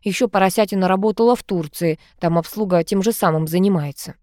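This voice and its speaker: A woman's voice: on the low side, fast, mellow, dry recording, close to an everyday voice. A woman voicing a flustered, blunt housekeeper who mumbles and speaks crudely, read as part of an audiobook. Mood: indignant. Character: flustered, rude middle-aged housekeeper.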